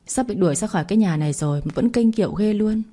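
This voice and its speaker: A woman's voice: medium pitch, expressive, quick pace, warm tone, close to an everyday voice. A woman voicing a scheming young rival who taunts and mocks, read in a storybook telling. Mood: mocking. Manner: sneering, taunting.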